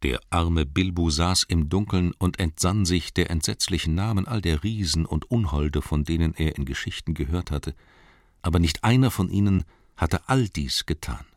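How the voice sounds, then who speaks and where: A man narrating an audiobook in a measured storytelling manner. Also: low-pitched, no room sound, studio quality.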